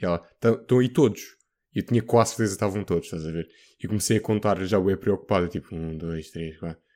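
A young man with a fairly low voice tells a story in a casual chat. He is lively and jumps into other people's voices, with plenty of everyday fillers along the way. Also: fast talker.

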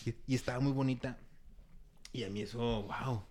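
A young man with a Mexican accent telling a story in casual podcast chat, full of slang and halting restarts. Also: mid-range voice, fairly even intonation, darkish tone. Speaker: podcast co-host.

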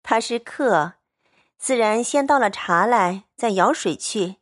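A pert, quick-witted young maid, voiced by a woman reader. She answers back lightly and without hurry, as in a storybook reading. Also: medium pitch, expressive.

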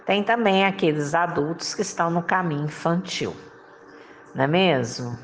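A woman's voice: fairly low pitch, moderate pace, slight background noise. A woman giving a motivational monologue, coaxing listeners with rhetorical questions and frequent laughs. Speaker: motivational speaker.

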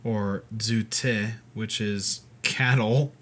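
A man's voice: fairly low pitch, fairly even intonation, very slow, a bit bright. A young man co-hosting a casual podcast, joking around and reading facts aloud in a laid-back way. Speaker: podcast co-host. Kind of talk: casual chat.

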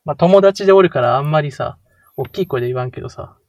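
A man's voice: on the high side, animated, fast talker, a little mellow, no echo. A young man in his twenties with a Kansai accent, co-hosting a casual podcast chat with opinionated, teasing jokes. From Kansai, Japan. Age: 20s. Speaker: podcast co-host.

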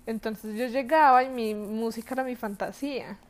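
A woman chatting casually, calm and reflective in manner. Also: fairly high pitch, moderate pace. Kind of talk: casual chat.

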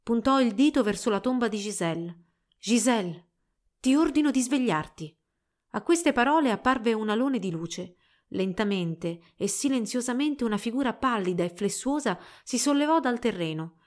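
A woman narrating a storybook fairy tale in a calm, measured way. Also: fairly high pitch.

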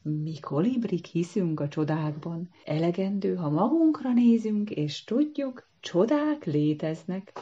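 A woman's voice: on the low side, lively intonation, few pauses, warm tone, slightly rough, lo-fi sound. A woman voicing a vain, refined little hummingbird in a storybook reading, talking in a pompous, condescending way. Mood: lofty.

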